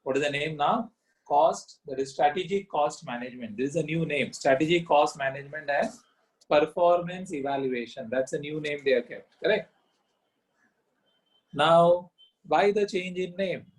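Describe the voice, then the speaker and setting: A middle-aged man lecturing, switching between languages, pausing often with fillers and checking in with "correct?". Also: on the high side, rough recording. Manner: mixes languages, slow with many pauses and fillers. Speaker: teacher.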